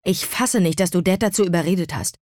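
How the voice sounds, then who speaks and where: Audiobook: woman voicing a sulky younger sister, petulant and quick. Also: lowish voice, darkish tone, no echo, clean studio sound, close to an everyday voice.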